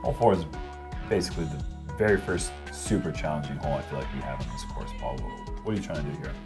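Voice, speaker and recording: A man's voice: a bass voice, lively intonation, fast talker, over music. A man doing casual play-by-play commentary on disc golf.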